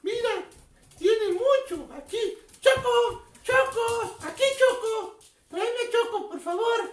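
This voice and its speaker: A woman doing an excitable, giggling children's clown voice that sits extremely high. She squeals and chatters to the kids watching a live stream. The sound carries a roomy echo. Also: slow pace.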